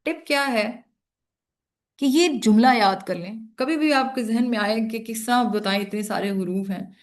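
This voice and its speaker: A woman's voice: on the high side, normal speed. A woman teaching an online grammar lesson, explaining patiently and listing letters one by one, with English words mixed in.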